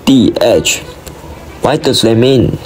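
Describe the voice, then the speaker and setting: A man's voice: medium pitch, animated, slow, darkish tone. A man playing an earnest, questioning Doctor Watson, a detective's frustrated former partner, in an amateur radio drama. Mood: earnest, puzzled. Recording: music behind the voice.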